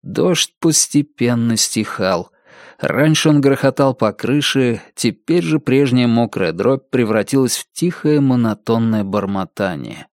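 Male audiobook narrator, unhurried measured reading, dry close sound. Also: medium pitch, lively intonation, a little mellow, no echo. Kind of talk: scripted narration.

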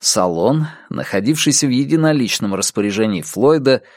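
A man narrating an audiobook in an expressive, measured reading. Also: medium pitch, no echo, clean studio sound. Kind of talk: scripted narration.

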